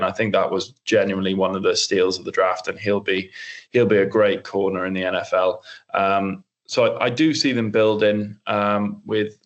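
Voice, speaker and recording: A man's voice: lowish voice, muffled recording. A young man co-hosting a casual sports podcast, rambling with lots of ums and restarts. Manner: rambling, filler-heavy, many restarts. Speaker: co-host.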